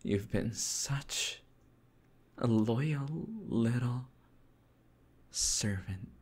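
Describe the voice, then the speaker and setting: A man's voice: medium pitch, drawn-out words, a little mellow, slightly rough. A man voicing a sly, cheerfully cruel male demon lord in a whispered role-play, talking in a sing-song, mocking way that keeps drifting into whispers. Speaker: voice actor.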